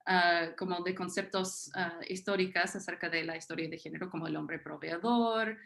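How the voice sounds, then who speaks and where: A woman's voice: on the low side, steady tone, moderate pace, gravelly, a bit bright. A woman from Tennessee with an American accent, whose first language is English, speaking as a historian on a panel, hesitant, with many fillers and restarts. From Tennessee, United States. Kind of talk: unscripted panel talk.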